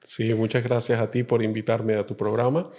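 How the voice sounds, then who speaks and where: A middle-aged man from Colombia, a loan officer explaining things calmly as an interview guest. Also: lowish voice, normal speed. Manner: calm, explanatory, many fillers. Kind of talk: interview answers.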